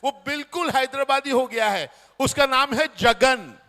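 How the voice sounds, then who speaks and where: A gushing, talkative housewife, pitched well above a normal speaking voice and loud, as a man puts her on. The sound rings with the long reverb of a community hall. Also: unhurried, exaggerated voice. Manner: chatty, high-pitched and loud. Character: gushing excitable housewife hostess.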